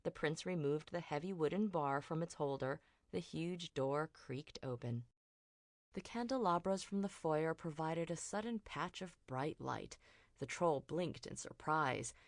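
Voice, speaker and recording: A woman narrating a fairy tale audiobook in a measured storytelling manner on a close studio mic. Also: low voice, expressive, dry recording. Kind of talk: scripted narration.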